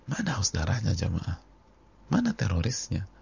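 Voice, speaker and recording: Deep gravelly male preacher. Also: wildly swooping pitch, moderate pace, darkish tone, lo-fi sound. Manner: repetitive emphasis, addresses the congregation. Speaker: Islamic preacher. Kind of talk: sermon on a hadith book.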